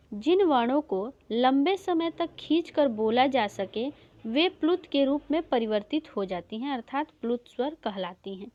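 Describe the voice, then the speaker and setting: A woman's voice: fairly high pitch, dull audio. A woman teacher giving an exam-prep grammar lesson, explaining step by step and drawing out vowel sounds as she goes. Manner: explains step by step, stretching out vowel sounds, often checks with "theek hai".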